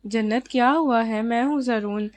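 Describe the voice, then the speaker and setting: A woman reading aloud as a gentle young husband calming his wife. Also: a little high, close to an everyday voice. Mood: soothing. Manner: soothing, gentle.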